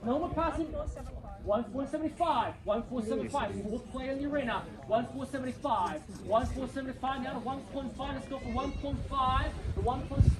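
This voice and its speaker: A man's voice: very high voice, normal speed, crowd noise, rough recording. A man working as a real estate auctioneer, calling bids at a live auction with showy, repetitive patter that rallies the bidders. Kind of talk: live auction calling, repeating bid amounts. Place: live property auction before a crowd.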